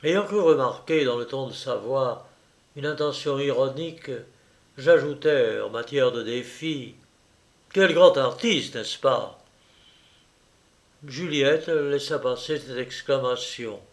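A man reading a first-person novel aloud in a measured, deliberate narration. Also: mid-range voice. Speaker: audiobook reader. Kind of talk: literary narration.

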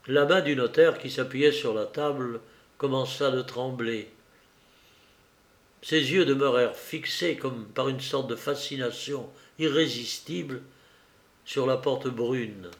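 A man reading a novel aloud with measured, dramatic pauses, in an echoey room. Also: medium pitch. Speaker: audiobook reader.

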